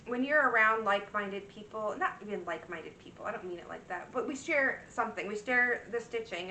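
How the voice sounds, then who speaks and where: A chatty, bright-voiced woman, a cross-stitch vlogger, rambles through a casual show-and-tell, packing her talk with fillers and restarts. Her voice is a little high and slightly worn. She's recorded in an echoey room from a distant mic, with slight background noise.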